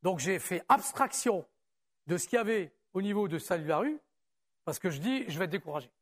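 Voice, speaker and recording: A man preaching in a church service, with the easy and conversational manner of a pastor talking straight to his people. He peppers the sermon with rhetorical questions. He turns slower and more measured when he reads a passage aloud. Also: high-pitched, lively intonation.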